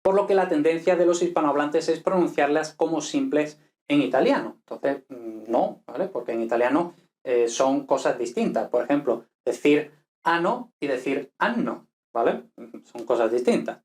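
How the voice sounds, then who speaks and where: A man's voice: a little high, normal speed, darkish tone. A man teaching pronunciation in a video lesson, explaining patiently, repeating example words and checking in with the listener often. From Spain. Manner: explanatory, frequent "¿vale?" check-ins and repeated model words. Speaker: language teacher.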